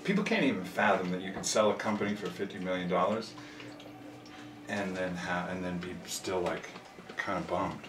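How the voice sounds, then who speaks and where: A man's voice: low-pitched, normal speed. A man in his thirties talking casually and reflectively, earnest and philosophical. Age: 30s. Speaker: interviewee, show host. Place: small sauna. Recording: echoey room with steady background noise.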